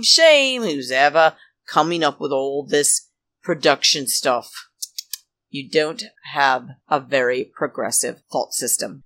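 A woman's voice: low-pitched, fairly bright tone, dry recording. A woman hosting a solo recap podcast with a campy, theatrical drag-queen manner and sassy, emphatic, indignant commentary. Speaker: podcast host.

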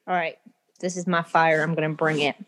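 A woman's voice: sits low, little pitch movement, fairly quick, fairly bright tone. A woman chatting casually as an interview guest, with a playful, informal manner. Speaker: educator, podcast guest. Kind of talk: casual unscripted interview chat.

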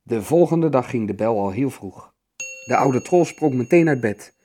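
A man reads a fairy tale aloud in an expressive storytelling manner. His pitch moves in a lively, animated way, with a middle voice overall. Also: moderate pace, slight background noise. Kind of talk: scripted narration of a fairy tale.

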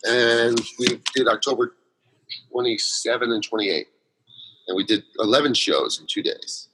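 A man with a husky, slightly breathy voice spins a long story in a casual interview. He rambles, restarts and fills gaps with "uh" and "like", sitting at an ordinary middle pitch. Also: fairly even intonation, normal speed, pushed and bright, low-quality recording. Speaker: guest, solo theater performer.

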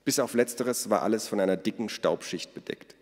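Male narrator, lively children's audiobook reading, reverberant room. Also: lowish voice, a little fast. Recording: long reverb.

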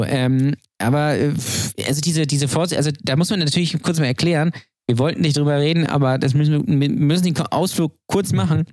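A man's voice: medium pitch, a little mellow, no room sound, studio quality. A man co-hosting a podcast, talking at length in an opinionated, rambling way with many fillers. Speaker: podcast co-host. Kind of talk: casual podcast banter.

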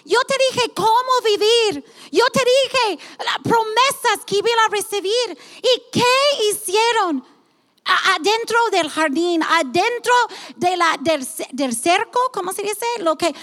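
A woman's voice: very high-pitched, a bit bright, big-room sound. A woman pastor preaching an impassioned sermon, with many restarts as she talks.

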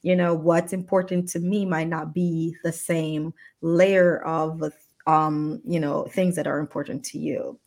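A woman's voice: deep voice, little pitch movement, unhurried, darkish tone. A woman hosting a live-streamed interview show, upbeat and effusive, often laughing. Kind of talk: casual interview chat.

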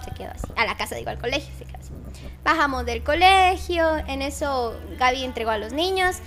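A woman, a kindergarten teacher telling a funny work story as a podcast guest, animated and quick to laugh. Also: sits high. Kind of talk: casual storytelling chat.

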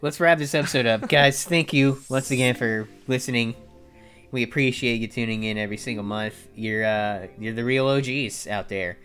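Mid-twenties man, podcast co-host; mid-range pitch, dry easygoing delivery, faint music behind. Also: normal speed, fairly bright tone. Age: 20s. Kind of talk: casual chat, show wrap-up.

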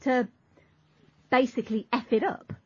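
A woman's voice: fairly high pitch, fairly even intonation, a little slow, breathy edge. A woman co-hosting a podcast, chatting casually and trailing off as she explains. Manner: rambling, self-interrupting, trailing off. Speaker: podcast co-host. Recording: dull lo-fi audio.

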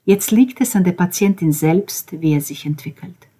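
A woman's voice: lowish voice, normal speed, warm tone, husky. A woman voicing a shy apologetic doctor. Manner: polite, apologetic, slightly hesitant. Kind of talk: audiobook character voice.

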